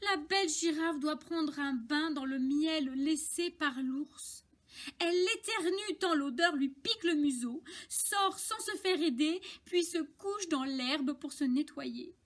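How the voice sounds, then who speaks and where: A woman reading a children's story aloud, slow and expressive, with playful asides. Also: sits high.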